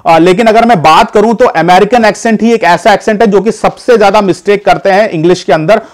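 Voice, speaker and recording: Speaking fairly quickly in a high voice, a man from India offers advice as a vlogger talking casually to the camera. He keeps calling his audience "guys" and often hesitates or starts over.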